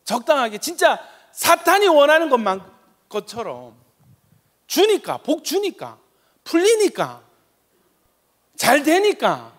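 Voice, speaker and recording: A male pastor preaching a sermon with passion, swinging from loud emphatic peaks to soft quiet asides. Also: very high-pitched, wildly swooping pitch, takes it slowly, pauses often. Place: church sanctuary. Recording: long reverb of a church sanctuary.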